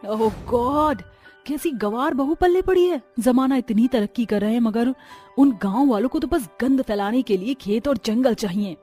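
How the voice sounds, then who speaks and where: A woman's voice: fairly high pitch, moderate pace, warm tone, breathy edge, faint music behind. A woman voicing a scornful, haughty middle-aged city mother-in-law who scolds and sneers.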